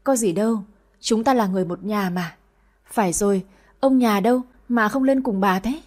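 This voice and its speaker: A woman voicing a kindly, welcoming grandmother in an audio story, speaking warmly in a husky voice. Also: medium pitch, normal speed, natural voice. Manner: warm, reassuring.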